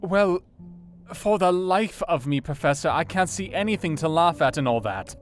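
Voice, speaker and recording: An actor playing a melancholy, earnest gentleman doctor, narrating his diary in a measured, formal way for an audio drama. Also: on the high side, lively intonation, natural voice. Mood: puzzled, indignant. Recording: plucked guitar music behind the voice.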